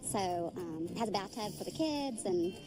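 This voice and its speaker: A woman touring the house she just bought, gushing excitedly about it. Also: mid-range voice, moderate pace, over music. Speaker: home buyer. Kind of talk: casual chat.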